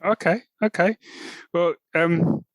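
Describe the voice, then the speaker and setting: Speaking slowly in a slightly high, steady voice, this podcast co-host chats with casual enthusiasm. He rambles and frequently starts over, and the dry recording is of poor quality.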